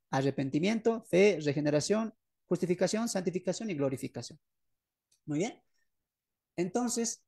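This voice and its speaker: A man's voice: high-pitched, vocal fry, a little mellow, no room sound, studio quality. A man preaching as a pastor, explaining his book's teachings, often asking the audience questions and repeating key phrases for emphasis. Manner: asks the audience rhetorical questions. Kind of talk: teaching sermon presenting his book.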